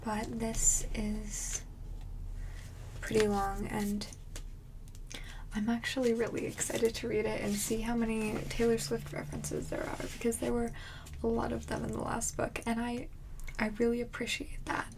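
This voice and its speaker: A woman in an ASMR role-play as a friendly librarian, chatting casually and haltingly in a soft, breathy soft voice. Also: completely flat delivery, background noise. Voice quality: soft, breathy soft voice with some low voicing.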